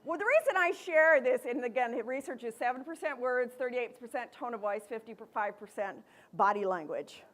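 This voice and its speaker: A middle-aged American woman with a lively, playful manner, giving a motivational keynote talk to students. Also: fairly high pitch, fairly quick, hardly any pauses. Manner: lively, playful, acts out quoted voices. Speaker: motivational speaker. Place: large events hall.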